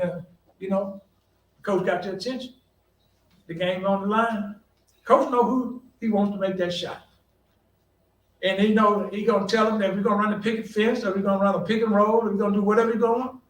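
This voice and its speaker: An older man, a college coach telling folksy, animated stories on a conference panel. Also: sits high. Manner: folksy, animated anecdotes with quoted voices and laughter. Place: conference hall. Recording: echoey hall from a distance, faint background hum.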